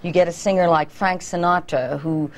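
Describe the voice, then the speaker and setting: A woman's voice: fairly low pitch, steady tone, normal speed. A middle-aged woman vocal coach on a morning show, speaking articulately and stretching her consonants for emphasis.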